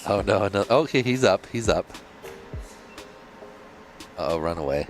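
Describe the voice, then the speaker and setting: A man co-commentating a drone race, reacting with quick exclamations. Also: deep voice, lively intonation, soft background music. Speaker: co-commentator and pilot.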